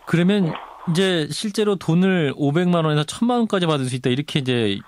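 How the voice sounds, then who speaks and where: A man's voice: fairly high pitch, lively intonation, a little fast, slight background noise. A man hosting a news radio interview in a polite, formal manner.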